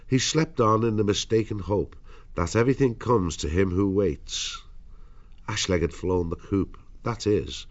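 Male storybook narrator: lower register, dramatic scripted delivery, soft-edged lo-fi recording. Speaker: audiobook narrator.

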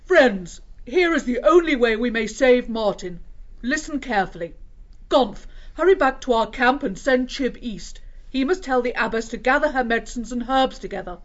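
A man voicing a commanding female badger who gives firm, measured orders. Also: very high voice, expressive, dull audio, voice pushed up.

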